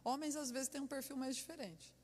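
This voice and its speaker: A woman pastor preaching a sermon, telling stories with lively, animated delivery and laughter. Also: high voice, fairly quick, slight background noise. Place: church hall. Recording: echoey church hall.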